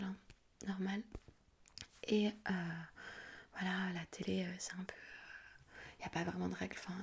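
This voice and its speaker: A young woman from France in a whispered role-play, chatting as a friendly student flatmate and rambling with many fillers. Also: medium pitch, gravelly, husky. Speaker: ASMR artist.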